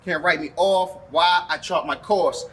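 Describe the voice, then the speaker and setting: A man's voice: a little high, unhurried, sharp tone, husky. A man performing a rap verse with a rhythmic, confident flow. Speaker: rapper.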